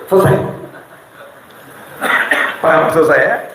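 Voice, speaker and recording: Preacher, male, Indonesian accent, high-pitched, booming hall echo, animated storytelling sermon. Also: slow, very noisy. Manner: acts out quoted people in a deeper voice. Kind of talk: lively sermon with acted dialogue. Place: auditorium. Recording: very echoey auditorium sound.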